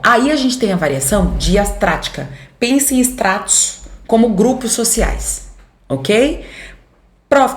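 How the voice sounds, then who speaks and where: A Brazilian woman teacher with a Center-West accent gives a recorded grammar lesson, explaining step by step, checking in with her students and voicing their imagined questions. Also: mid-range voice. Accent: Brazilian Portuguese, Center-West. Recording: echoey room.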